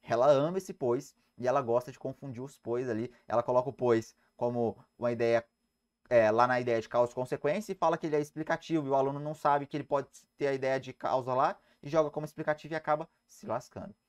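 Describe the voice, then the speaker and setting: A man's voice: mid-range voice, steady tone, fast talker. A man with a Brazilian Portuguese accent teaching grammar in an online exam-prep lecture, emphatic and asking and answering his own questions.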